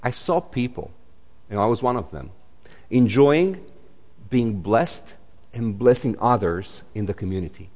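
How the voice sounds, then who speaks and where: A man's voice: mid-range voice, expressive, measured pace, pauses often, a little mellow, in a large hall. A man, preaching a sermon in a chatty way, full of fillers and restarts. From Romania. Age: 40s. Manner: conversational, many fillers and restarts. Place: church.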